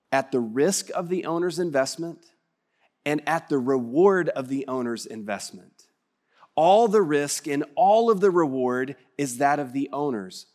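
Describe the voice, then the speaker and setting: A man with a West Texas twang preaching a conversational sermon as a pastor, driving points home with repeated phrases and deliberate pauses. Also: mid-range voice. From West Texas, United States.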